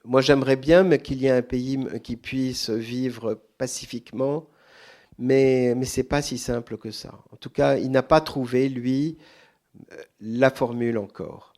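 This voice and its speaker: A man speaking off the cuff as a guest at a public talk, deliberate and hesitant, repeating words for emphasis. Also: medium pitch, darkish tone. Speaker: guest author answering audience questions. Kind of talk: extemporaneous answers at a public talk.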